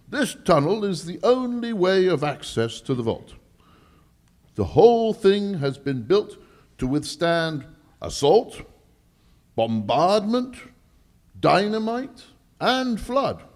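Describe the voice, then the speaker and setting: An actor playing a proud, easily exasperated English lord in charge of a bank vault, speaking formally in a 1940s radio drama style. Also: male voice, sits high, sing-song, a little mellow, exaggerated voice. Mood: proudly emphatic. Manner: emphatic, deliberate, formal, slightly halting. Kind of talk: 1940s radio drama acting, performed live.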